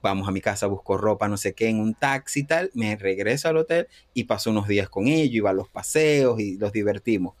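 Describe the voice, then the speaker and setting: A man's voice: on the low side, a little fast, few pauses. A man in his thirties, from Panama, telling a personal story in a casual interview, acting out the dialogue and laughing often. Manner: animated, acts out quoted dialogue, laughs often. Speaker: interview guest.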